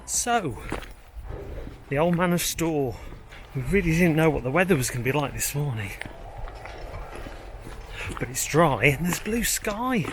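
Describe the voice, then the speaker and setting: A man's voice: a little high, animated, unhurried, pauses often, a little hiss or hum. Chatty man narrating his road trip. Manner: chatty, pointing out views as he goes. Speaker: travel vlogger. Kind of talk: casual travel vlog narration.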